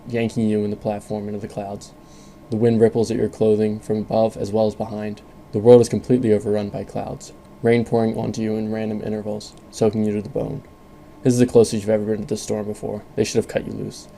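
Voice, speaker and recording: A man reading a scripted second-person story in a calm, measured way. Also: on the low side, creaky, a little hiss or hum. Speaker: narrator.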